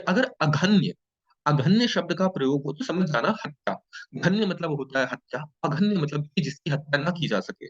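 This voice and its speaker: A man teaching an exam-prep class in a lively, joking way, often checking in with his students. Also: a little high. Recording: dull lo-fi sound.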